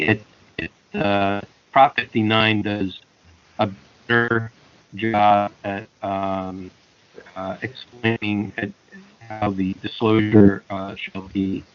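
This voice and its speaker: Man, committee chair, choppy audio that keeps cutting out, slow and halting, lowish voice, muffled lo-fi call. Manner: halting, with many fillers and restarts. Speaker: committee chair at a public hearing. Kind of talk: deliberating at an online public hearing. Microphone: remote call connection. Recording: muffled lo-fi online call with dropouts.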